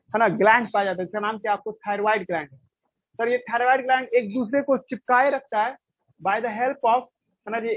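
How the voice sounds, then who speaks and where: A man's voice: sits high, no room sound. A male biology teacher giving a classroom lecture, explaining step by step and answering his own questions. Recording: dry, tinny phone-like sound.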